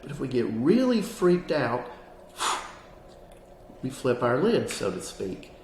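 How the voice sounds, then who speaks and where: A man speaking as a counselor, calmly explaining a grounding exercise in a plain, instructive way. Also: medium pitch, slow pace. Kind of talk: explanatory lesson on anxiety grounding, spoken to camera. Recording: roomy echo with faint background noise.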